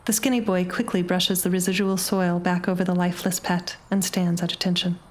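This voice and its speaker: A woman reading a short story aloud in a measured, dramatic narration. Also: on the low side, little pitch movement. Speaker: audiobook narrator.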